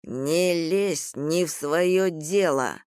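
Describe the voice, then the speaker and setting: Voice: medium pitch, sing-song, normal speed, dry recording, lightly acted. Reader doing a young man, sneering, lazy drawl, mocking, dry.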